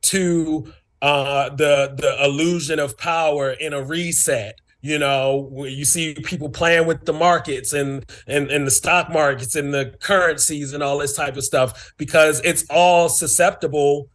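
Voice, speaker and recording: A man speaking in a fairly high register for a man, but taking his time. He unspools his thoughts slowly, with plenty of "you know" and "um" between ideas. It sounds like casual livestream talk-show chat. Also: fairly even intonation, a bit bright. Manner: reflective, drawn-out delivery with many fillers.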